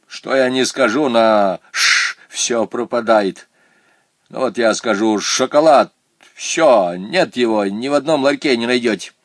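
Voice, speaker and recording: A man voicing a gloomy, clumsy male clown pupil who talks loudly and plaintively. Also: mid-range voice, a little slow, dry recording, studio quality, lightly acted.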